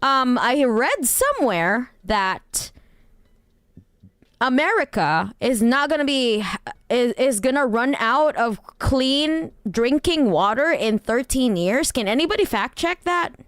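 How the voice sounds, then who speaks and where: A woman's voice: high voice, big pitch swings, takes it slowly, fairly bright tone, no echo, studio quality. A woman streamer rambling in casual chat with her viewers, laughing often and swearing casually.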